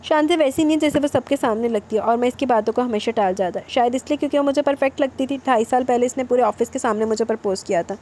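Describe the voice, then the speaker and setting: A woman's voice: fairly high pitch, hardly any pauses, warm tone, slight background noise, natural voice. A woman voicing a brooding young husband in a romance novel reading, earnest and lecturing. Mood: confessing.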